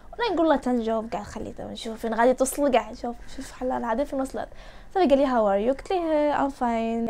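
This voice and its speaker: A woman's voice: fairly high pitch, mellow. A young Moroccan woman vlogging, chatting casually as she tells a personal story to her viewers and repeats her words for emphasis.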